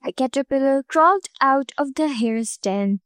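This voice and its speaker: A woman storyteller reading a folk tale aloud in a slow, clear, gentle way. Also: sits high, lively intonation, dry recording.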